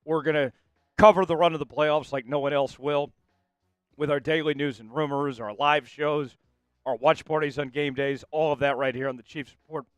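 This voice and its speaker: A man's voice: a little high, fairly even intonation, normal speed, clean tone, no echo, soft background music. A man hosting a casual live-stream sports show, talking energetically and rambling straight to his viewers.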